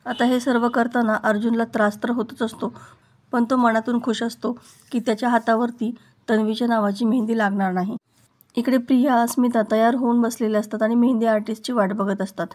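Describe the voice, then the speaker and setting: Woman recap narrator, higher voice, flat even delivery, steady scripted telling. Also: brisk.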